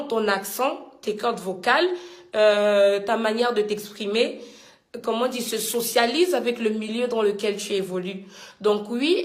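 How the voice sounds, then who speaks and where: A woman's voice: fairly high pitch, reverberant. Indignant Cameroonian woman ranting. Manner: indignant, combative, repeats herself. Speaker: vlogger. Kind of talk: heated commentary rant.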